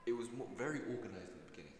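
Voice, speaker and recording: A man's voice: on the low side, animated, very fast, a little hiss or hum. A teenage boy chatting casually as a student podcast co-host, rambling and playful, with frequent restarts. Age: teens. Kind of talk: casual chat. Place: school room. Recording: echoey room with long reverb.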